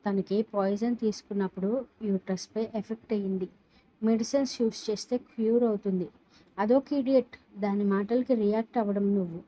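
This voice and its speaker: Brief: a woman doing an irritable young husband in a storybook tale, mellow and scolding. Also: mid-range voice, a little fast, no room sound, close to an everyday voice, low-quality recording. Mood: curt scolding. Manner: curt, scolding.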